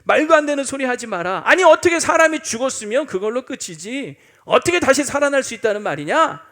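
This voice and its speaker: A man acting out an enraged Roman governor who mocks and shouts down a prisoner, as part of his sermon. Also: very high-pitched, big pitch swings, fairly quick, voice pushed up, heavily acted. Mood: enraged scorn. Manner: shouting, mocking, dismissive. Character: furious Roman governor, middle-aged man, scornful.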